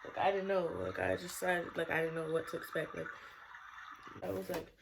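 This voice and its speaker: Young woman rambling thru a storytime vlog in her bedroom, lowish gravelly voice, says like a lot. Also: flat delivery, brisk, noisy background. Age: young adult. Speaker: vlogger. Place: bedroom at home.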